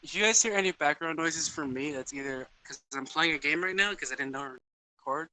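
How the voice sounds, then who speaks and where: A man's voice: fairly high pitch, fast, bright, forceful tone, rough recording. A young man chatting casually on a podcast voice call from home, laughing and swearing easily. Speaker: podcast co-host. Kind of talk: casual chat over a voice call. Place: at home on a voice call with a fan running. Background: faint fan noise.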